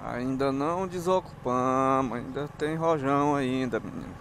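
With engine and traffic sounds in the background, a medium-pitched man speaking at a normal pace narrates a casual motorcycle vlog on town streets. He has a northeastern Brazilian accent and a folksy, meandering style.

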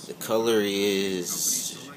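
A man's voice: lowish voice, very slow, crowd noise, poor audio. An American man from Indiana chats casually in a rambling, joking, colloquial way as an amateur sneaker reviewer, recorded on an old flip phone in a room at home. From Indiana, United States. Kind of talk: casual vlog chat. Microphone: flip phone held behind the camera.

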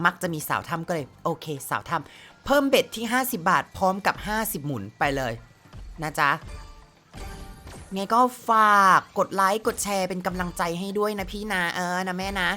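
A woman's voice: on the low side, lively intonation, normal speed, bright, forceful tone, soft background music. A woman streaming a slot game, chatting playfully with her viewers and exclaiming at each spin in casual gameplay commentary.

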